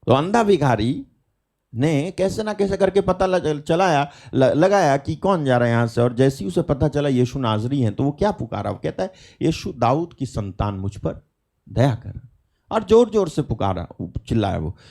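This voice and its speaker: A man's voice: a little high, very animated, moderate pace, gravelly, darkish tone. A man preaching a sermon at a live prayer meeting, talking emphatically with rhetorical questions and calls of hallelujah.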